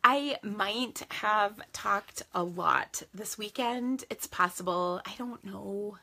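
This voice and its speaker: Hosting a live stamping stream from her home craft office, a woman with a Minnesotan accent chats and rambles, laughing often, her voice tired and starting to go. It's mid-range and slow, with vocal fry and a sharp tone.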